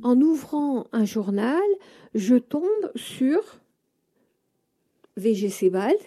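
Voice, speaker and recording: Older woman telling a story, mellow voice. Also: fairly high pitch, very slow. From France. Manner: hesitant, animated anecdote-telling with many fillers. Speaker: interview guest. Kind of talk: personal storytelling.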